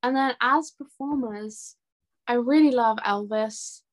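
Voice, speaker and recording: Speaking slowly in a slightly high voice, a young singer-songwriter talks casually and informally as a guest in an interview.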